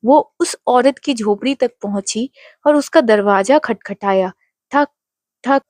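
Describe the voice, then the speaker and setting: A woman narrating a devotional story in a measured, emotional way. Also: fairly high pitch, a little mellow, no echo.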